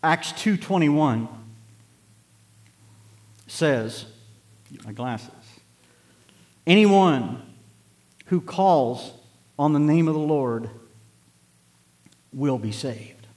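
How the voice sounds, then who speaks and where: A man approaching sixty preaches a sermon with a fairly high voice. He starts out conversational and builds to emphatic exhortation. His words hang in the long reverb of a church sanctuary. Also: animated, very slow, long pauses, darkish tone. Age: 50s. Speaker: pastor.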